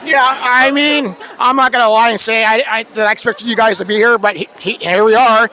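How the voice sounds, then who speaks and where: A man working as a sports reporter, asking halting, chatty questions outdoors at a media day. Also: extremely high pitch, steady tone, bright, forceful tone. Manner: halting, chatty, laughs often. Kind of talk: press interview questions.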